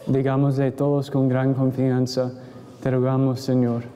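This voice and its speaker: A man leading Mass as priest, intoning the creed and prayers in a steady, measured way, his voice carrying a cathedral echo. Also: mid-range voice. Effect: cathedral echo, long church reverb. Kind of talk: liturgical recitation of creed and prayers. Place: large church. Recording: echoey church hall with congregation. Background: congregation responding.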